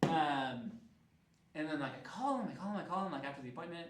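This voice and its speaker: Male trainer, fairly high voice, chatty storyteller, roomy room, mic far off. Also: lively intonation, fast. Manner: chatty, storytelling, heavy use of "like". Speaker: real estate trainer. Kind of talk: casual classroom training talk.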